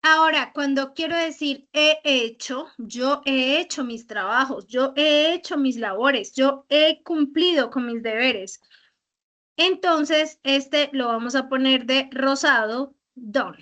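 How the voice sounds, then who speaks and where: A woman's voice: high-pitched, slow pace, a bit bright. A woman teaching English grammar in an online class, explaining patiently with many repeated examples. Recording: slightly dull lo-fi audio.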